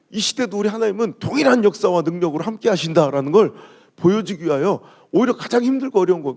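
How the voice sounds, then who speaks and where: A man from Chungcheong preaching at a dawn revival service, telling humorous stories and mimicking the way people talk. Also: high voice. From Chungcheong, Korea. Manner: storytelling, mimics regional dialogue, lively jokes. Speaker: pastor. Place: church sanctuary.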